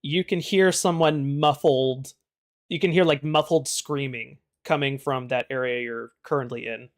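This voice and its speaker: A man running a tabletop game, narrating casually and conversationally as game master, pausing mid-sentence. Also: mid-range voice, fairly even intonation.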